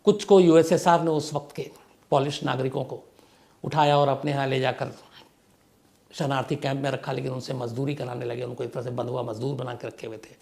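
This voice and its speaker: A man's voice: mid-range voice, a little mellow. A man narrating a history story in a conversational way, emphatic and asking rhetorical questions as he goes.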